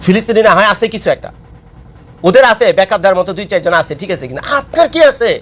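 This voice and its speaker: A man's voice: high voice, animated, rapid-fire, a bit bright. A man, delivering an impassioned political monologue, lecturing and scolding his listeners and repeating his points. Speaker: political commentator. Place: living abroad.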